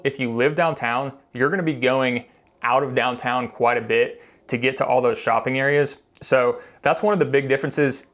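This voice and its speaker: A man from Tennessee talks through information in a casual, explanatory style. His pitch sits in the middle range for a man. He sounds like a local property guide, conversational and pointing things out as he goes. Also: a bit bright. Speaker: local real estate video presenter.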